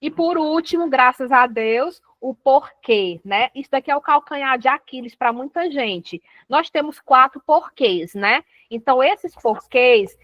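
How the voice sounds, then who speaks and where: A woman's voice: high voice, no room sound. A woman teaches a grammar revision lesson in a chatty, informal way. She keeps checking in with her listeners as she explains. The sound is dry and a little dull. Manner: chatty, repeats "tá certo?" and "né?" often.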